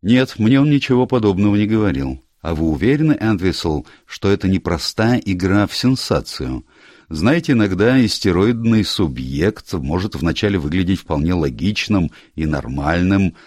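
Guy doing a calm careful doctor, dry and measured, a bit higher than his low voice, lively, no room sound. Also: no room sound. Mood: dry, skeptical. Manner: measured, dry, mildly surprised. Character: calm, careful middle-aged male country doctor. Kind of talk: audiobook character reading.

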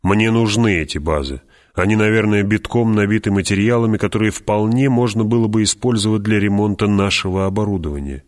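A man's voice: on the low side, fairly quick, hardly any pauses, voice pushed up, close to an everyday voice. A man reading an audiobook, voicing a decisive noble duke who speaks firmly and with dry irony. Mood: commanding.

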